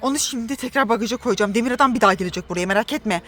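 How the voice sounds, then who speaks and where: A mother filming a family vlog with her children around a car, talking in an animated, excitable way and shouting urgently during pretend chase games. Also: fairly high pitch, rapid-fire, crowd noise. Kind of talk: family vlog play-acting with kids.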